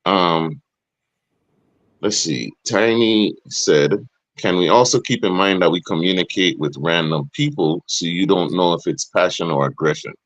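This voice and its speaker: A middle-aged podcast host with a deep, booming voice speaks emphatically on a casual show, getting animated as he pushes back with pointed questions. He talks at a measured pace, and the close, dry recording sounds muffled.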